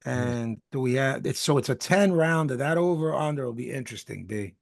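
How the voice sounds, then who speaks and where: A man's voice: medium pitch, expressive, brisk, creaky, dry recording, clean studio sound. A man co-hosting a podcast, talking loosely and jokily about boxing with some swearing. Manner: loose, profane, jokey banter. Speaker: podcast co-host. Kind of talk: casual boxing chat.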